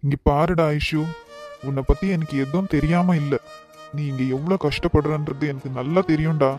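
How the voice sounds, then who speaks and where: A man voicing a worried, affectionate father in a cartoon, talking to his daughter in a soft, pleading way. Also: fairly high pitch, fairly even intonation, normal speed, soft background music, natural voice. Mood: tender.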